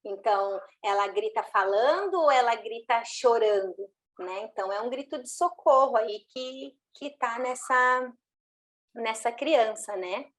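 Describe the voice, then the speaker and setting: Woman, parenting mentor, live online talk, a bit high-pitched, conversational, lots of restarts. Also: a little slow. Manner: conversational, frequent "né?", many restarts. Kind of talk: live online talk answering chat questions.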